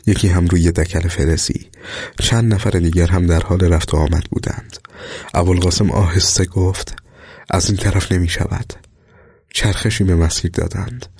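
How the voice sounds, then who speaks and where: A man reading a story aloud in a measured, steady way as narrator. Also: sits low, husky, dry recording, clean studio sound. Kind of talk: scripted audiobook narration.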